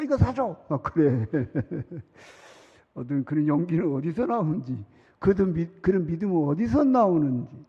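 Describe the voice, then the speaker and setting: A middle-aged man preaching a sermon as pastor, chatty, laughing often and acting out children's pleas. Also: sits high. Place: large church sanctuary. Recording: reverberant hall, muffled sound.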